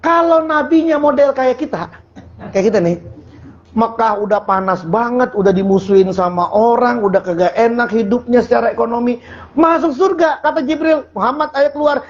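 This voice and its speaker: A man's voice: extremely high pitch, moderate pace, highs cut off. A man preaching an informal Sufi sermon in a colloquial, joking way, often putting questions to the audience. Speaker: Islamic preacher.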